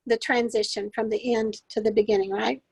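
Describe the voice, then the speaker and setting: A slightly high-voiced woman asks questions in a casual interview, restating details to be sure she has them right. Her voice sounds close and dry, with no room echo. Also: little pitch movement, brisk, creaky, darkish tone, breathy edge, faint music behind. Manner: inquisitive, repeats and rephrases to clarify. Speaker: co-host interviewer.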